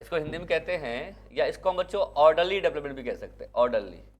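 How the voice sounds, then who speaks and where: A man's voice: fairly high pitch, animated, fast, lo-fi sound. A man from India teaching an exam-prep class. He keeps asking the students questions, answers them himself, and mixes English terms into his Hindi.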